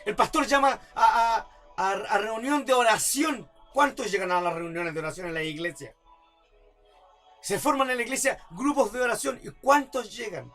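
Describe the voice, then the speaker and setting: A man's voice: high voice, animated, moderate pace, fairly bright tone, soft background music. A man preaching a sermon as pastor, repeating rhetorical questions and building to emphatic outbursts. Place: church service.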